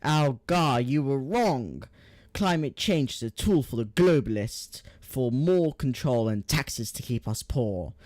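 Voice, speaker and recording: A man's voice: medium pitch, darkish tone, dry recording. A man hosting a comedy commentary video, reading out social media posts in a sarcastic, exasperated tone. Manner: sarcastic, exasperated, mock-incredulous.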